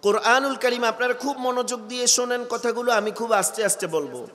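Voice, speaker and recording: A preacher with a cold delivers a sermon in a high, ringing voice that carries a sharp, forceful edge. He keeps putting questions to the crowd and then climbs to loud, emphatic peaks. A long reverb from the public address system trails behind every phrase. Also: fairly quick. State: has a cold. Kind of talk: sermon at a religious gathering.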